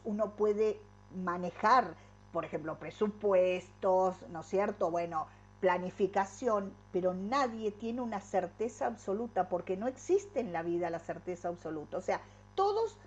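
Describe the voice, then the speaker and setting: A woman's voice: medium pitch, a little mellow, highs cut off. A middle-aged woman gives an inspirational talk and keeps checking in with rhetorical tag questions. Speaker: workshop speaker.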